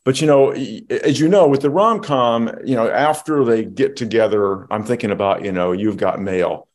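Speaking at normal speed in a voice on the low side, this man co-hosts a film podcast. He explains and reflects on a movie in casual discussion, frequently restarting his sentences.

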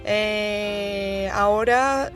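A woman's voice: medium pitch, drawn-out words. A Brazilian woman, a native Portuguese speaker, talking as a guest coach in a conversational interview in hesitant, accented Spanish. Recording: music playing behind. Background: background music.

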